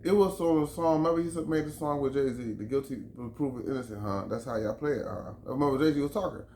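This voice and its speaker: Man, mid-pitched, fired-up vlog rant, swears and repeats points, echoey room with light background hum. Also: fast, dark tone. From Chicago. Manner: heated, emphatic, profane, repeats himself. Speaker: vlogger. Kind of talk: opinion rant to camera. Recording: roomy echo, faint background ambience.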